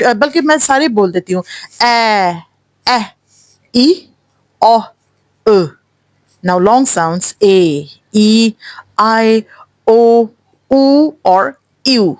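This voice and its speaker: A woman gives a patient, step-by-step English pronunciation lesson, sounding out each vowel and consonant herself. Her voice sits at a middle pitch. The recording is dry and close, with no room sound. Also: no room sound, low-quality recording. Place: home in Thailand.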